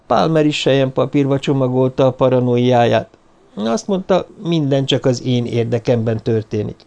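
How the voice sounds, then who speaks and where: A man voicing a weary woman who speaks with cool, measured bitterness in an audiobook. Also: mid-range voice, vocal fry, dark tone, lightly acted. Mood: bitter.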